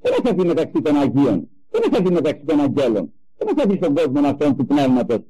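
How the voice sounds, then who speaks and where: An older man giving a religious talk, telling personal stories with animated emphasis. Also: fairly high pitch, breathy edge, rough recording. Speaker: religious speaker. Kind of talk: sermon with personal anecdotes.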